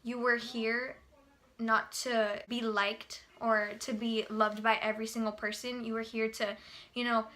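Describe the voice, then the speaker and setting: Bright-voiced chatty young woman vlogger. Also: fairly high pitch, flat delivery, unhurried. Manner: earnest, chatty, heavy use of fillers like "you know" and "like". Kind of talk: casual talking-to-camera vlog.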